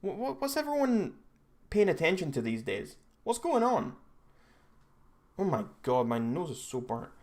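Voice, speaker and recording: A man's voice: sits high, wildly swooping pitch, a little slow, long pauses, a little mellow. A young Scottish man hosting a live stream, chatting casually and rambling with frequent restarts and self-corrections. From Scotland. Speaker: livestream host.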